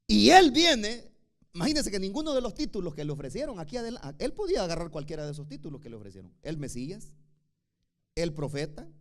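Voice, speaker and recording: A man preaching a sermon, emphatic, swinging between loud declarations and soft asides. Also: a little high.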